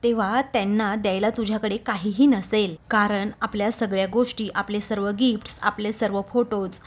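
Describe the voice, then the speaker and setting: A woman's voice: mid-range voice, steady tone, normal speed, close to an everyday voice. A woman voicing a stern young man who denies a secret affair, in a retold TV serial scene. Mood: curt, scolding. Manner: dismissive, commanding quoted lines.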